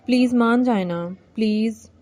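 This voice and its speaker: A woman voicing a timid, gentle young bride in a novel reading, speaking softly and pleading. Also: a little high, lightly acted.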